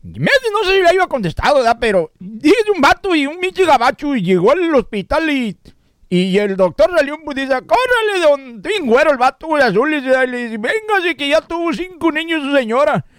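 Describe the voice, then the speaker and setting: Male performer as high, lively old joker; crude, bawdy. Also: moderate pace, dry recording, clean studio sound, full character voice. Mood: bawdy joking. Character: crude joking old Mexican man.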